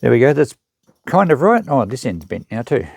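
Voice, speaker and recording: Speaking at a medium pitch with vocal fry and a slightly mellow tone, this Australian unboxing host is very animated and fairly quick. The studio recording is clean, without echo. A secondhand shop seller with his own unboxing channel, he thinks aloud in casual, matter-of-fact, unscripted show-and-tell as he presents items.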